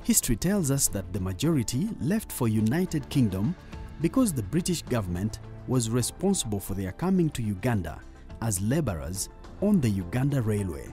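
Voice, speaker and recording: A male narrator reads a scripted documentary voice-over in a measured way. His pitch is animated and his tone is warm and mellow. He explains events step by step. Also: faint music behind. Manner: measured, expository.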